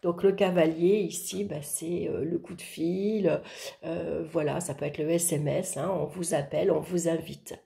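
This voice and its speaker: Hoarse, soft-spoken woman with creaky voice. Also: deep voice, fairly even intonation, a little slow. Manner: speaking softly to spare her throat. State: hoarse from a sore throat with tonsillitis. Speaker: tarot card reader and horoscope host. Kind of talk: informal horoscope card reading to viewers.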